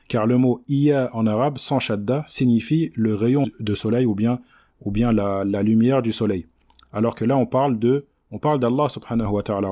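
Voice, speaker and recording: Male teacher, French accent, patient and methodical, warm mellow voice. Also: medium pitch. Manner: patient, repeats and models each word slowly. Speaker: Quran recitation teacher. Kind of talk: explanatory lesson on recitation.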